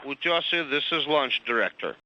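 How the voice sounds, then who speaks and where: A man, a mission control operator giving terse, measured call-outs over a crackly radio communicator link. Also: medium pitch, animated, sharp tone. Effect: crackly radio communicator transmission. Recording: muffled radio link with heavy static.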